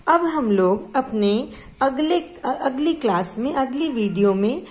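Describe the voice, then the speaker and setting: Woman teacher, slightly high voice, very slow delivery, repeats herself, asks and answers her own questions. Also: animated, a little mellow. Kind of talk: classroom grammar lesson.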